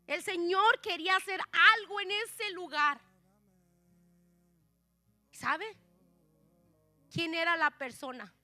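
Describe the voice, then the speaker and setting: A woman's voice: very high-pitched, slow, pauses often, pushed and bright, dry recording, faint music behind. A woman preacher giving an impassioned sermon in a church, often calling out to her listeners as her brothers. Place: church sanctuary.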